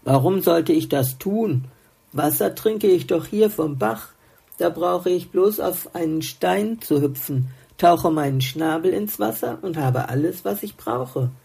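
A woman's voice: fairly low pitch, lively intonation, measured pace, creaky, mellow, husky, full character voice. A woman doing a grumpy little songbird. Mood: grumbling, doubtful. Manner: grumbling, doubtful.

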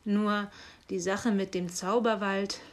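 A woman's voice: medium pitch, flat delivery, slow, slight background noise, close to an everyday voice. A woman reading aloud and voicing a grumpy, stubborn old Saint Nicholas who grumbles. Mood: grumbling. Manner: gruff grumbling delivery.

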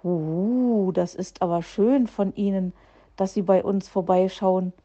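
A woman's voice: medium pitch, steady tone, a little slow, mellow, lo-fi sound, close to an everyday voice. A woman voicing a kindly old male eagle owl who hoots between his words.

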